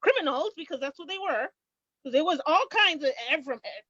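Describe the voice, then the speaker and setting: A woman's voice: high voice, animated, brisk, a bit bright, no echo, lo-fi sound. A middle-aged woman telling a story conversationally on a panel, emphatic, repeating phrases and acting out what people said. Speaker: small business owner, guest.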